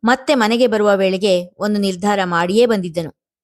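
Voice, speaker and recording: Woman, storyteller, steady even narration, emotional family drama. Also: medium pitch, normal speed. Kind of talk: scripted narration.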